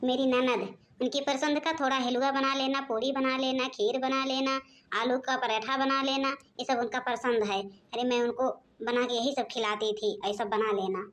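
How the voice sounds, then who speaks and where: A woman's voice: sits high, little pitch movement, normal speed, fairly bright tone. A woman voicing a bossy, nagging mother-in-law in a cartoon, scolding and giving orders. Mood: ordering.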